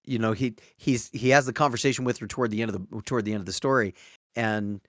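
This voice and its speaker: Low-voiced man, thoughtful and halting. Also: steady tone, no room sound, clean studio sound. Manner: thoughtful, searching for words. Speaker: podcast co-host. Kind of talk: casual book discussion.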